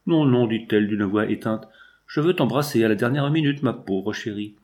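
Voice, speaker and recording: A man's voice: on the low side, normal speed, a little mellow, lightly acted. A man voicing a drowsy, sentimental old aunt who speaks in a faint, mournful way. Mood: tearful.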